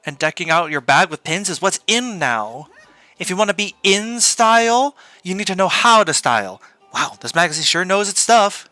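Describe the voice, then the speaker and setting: Streamer doing a perky trendy schoolgirl for a game story; bright and bouncy. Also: medium pitch, very animated, normal speed, pitched above the performer's own voice. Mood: chirpy. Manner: perky, chirpy and upbeat. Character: bubbly trendy teenage girl. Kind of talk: fan voicing of a game story.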